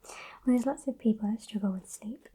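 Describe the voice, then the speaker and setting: A British woman playing a gentle, bookish librarian in a whispered role-play, murmuring softly and unhurriedly in a breathy whisper. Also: medium pitch, moderate pace, natural voice. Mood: gentle, chatty. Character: sweet, gentle, bookish woman librarian working late nights. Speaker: ASMR performer.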